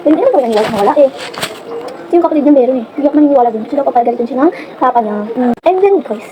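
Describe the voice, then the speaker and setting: A Filipino woman with a high voice chats quickly and rambles through a get-ready-with-me vlog. Clear background noise fills the room behind her. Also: expressive, dull audio. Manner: chatty, rambling, many fillers. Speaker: vlogger. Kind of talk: casual get-ready-with-me chat.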